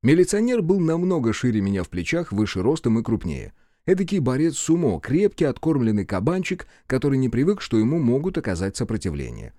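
A man narrating a first-person story in an expressive, commanding way. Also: mid-range voice, a little fast, dry recording, clean studio sound. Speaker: audiobook narrator. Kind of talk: scripted narration.

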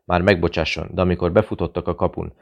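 A man's voice: sits low, little pitch movement, creaky, highs cut off. A man voicing a shrewd, polite male veteran in an audiobook, asking probing questions.

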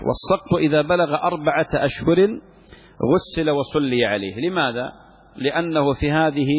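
A man's voice: mid-range voice, breathy edge. A sheikh teaching Islamic law, lecturing on a legal text, asking and answering his own questions and repeating key phrases for emphasis. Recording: muffled lo-fi recording in a reverberant hall.

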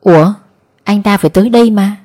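A vengeful, hot-tempered young man, as a woman storyteller puts him on, pushing his words out in urgent bursts. The tone stays mellow and soft-edged, part of a spoken ghost story. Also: mid-range voice, fairly quick, lightly acted.

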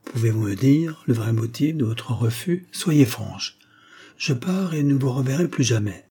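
A man's voice: mid-range voice, lively intonation, measured pace, dark tone, slightly rough. A man reading an audiobook, voicing a poised young woman traveler who speaks with cool, amused assurance.

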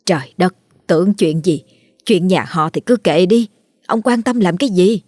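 A woman's voice: fairly low pitch, moderate pace, a little mellow, dry recording, lightly acted. A woman doing a scolding village wife. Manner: scolding, stammers when scared. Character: fussy middle-aged village wife.

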